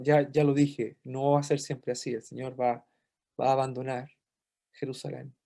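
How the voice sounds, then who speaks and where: A man's voice: a little high, a little mellow. A man with a Chilean Spanish accent teaching a Bible study, explaining step by step and repeating phrases for emphasis.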